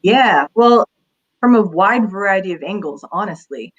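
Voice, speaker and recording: A woman's voice: mid-range voice, animated, moderate pace, highs cut off. A woman career counselor giving casual advice in an interview, talking in a chatty way with many fillers.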